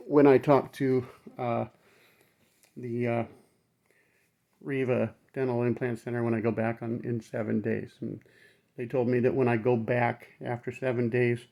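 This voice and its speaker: A man's voice: medium pitch, little pitch movement, normal speed, creaky, pauses often, dark tone. A man talking casually to camera in a blunt, rambling way, swearing freely, his speech numb-mouthed after dental surgery.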